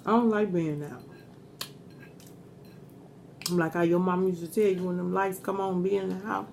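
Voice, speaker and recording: A woman's voice: fairly low pitch, steady tone, normal speed, creaky, darkish tone, slight background noise. A middle-aged woman chatting casually and giving earnest advice while eating crunchy fried chicken in a mukbang. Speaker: mukbang host.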